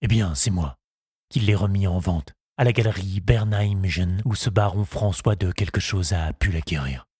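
A suave, wry baron, read by a man speaks with calm composure in a read-aloud story. The voice is low and husky. The sound is dry and close. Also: moderate pace, no room sound. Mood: composed.

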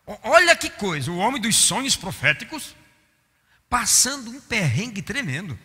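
A man preaching a sermon, impassioned, swinging from loud exclamations to quiet mock-weary asides. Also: sits high, very animated, normal speed, breathy edge. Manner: impassioned, rising to shouts and dropping to mock-weary murmurs. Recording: long hall reverb.

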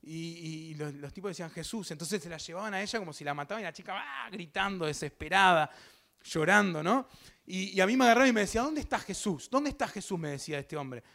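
A young preacher with a Rioplatense Spanish accent gives a sermon testimony, addressing the congregation directly and bringing his story to life with sound effects and acted-out quotes. He talks fast in a fairly high, slightly bright voice with vocal fry.

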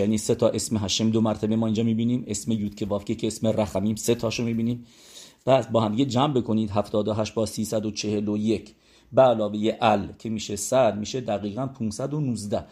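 A man's voice: on the low side, fairly even intonation, dark tone, breathy edge. A man teaching a religious lesson, working through number sums aloud and asking his listeners whether they follow. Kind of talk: explaining religious law and numerology.

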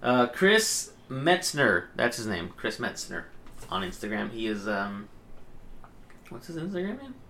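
A man's voice: medium pitch, big pitch swings, a little slow, pushed and bright, slight background noise. Brief: young male host, casual crude banter, rambling delivery. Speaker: podcast host.

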